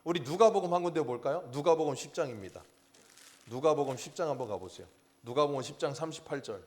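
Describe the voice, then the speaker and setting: A man's voice: fairly high pitch, animated, fast, darkish tone. A man preaching a sermon as pastor, asking the congregation questions and answering them himself.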